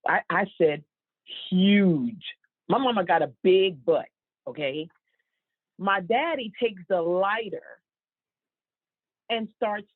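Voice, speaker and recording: Lively woman telling comic stories. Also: mid-range voice, slightly rough, no echo. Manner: lively, with fillers and restarts. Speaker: voice interpreter for a signed comedy act. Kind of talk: interpreted comic storytelling. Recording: tinny, phone-like, dry.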